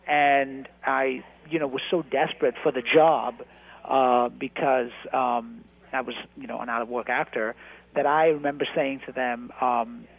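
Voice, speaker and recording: A man, an actor and writer, talking as a guest in a casual radio interview, halting, with many restarts and fillers. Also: mid-range voice, vocal fry. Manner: halting, many restarts and fillers, animated when telling stories. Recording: tinny phone-like radio line.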